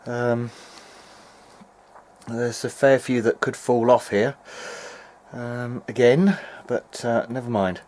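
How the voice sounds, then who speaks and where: Slow and steady, with a slightly mellow mid-range tone, a hobbyist narrates his vintage audio repair in a casual, unsure, thinking-aloud manner. He films with a handheld camera at his workbench at home, and the amateur audio is distinctly noisy.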